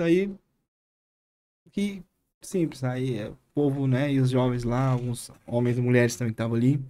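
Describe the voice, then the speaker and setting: A man, a pastor with a Brazilian accent, earnestly retelling a moving experience as a podcast guest, with halting restarts. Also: mid-range voice, mellow. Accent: Brazilian Portuguese. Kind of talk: podcast interview storytelling.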